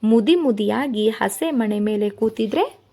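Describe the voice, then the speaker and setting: A woman reading aloud voices a brisk, practical middle-aged mother who scolds her daughter for crying. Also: on the high side, expressive, dark tone, heavily acted. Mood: scolding. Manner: chiding, dismissive of tears.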